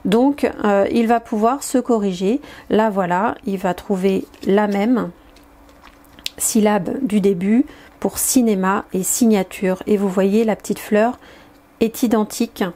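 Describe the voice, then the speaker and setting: A woman walks through an educational card game step by step, pausing often on fillers as she explains. Her voice is soft and mellow, sitting at an ordinary mid pitch. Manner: hesitant, explanatory, many filler pauses. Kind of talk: hands-on game demonstration.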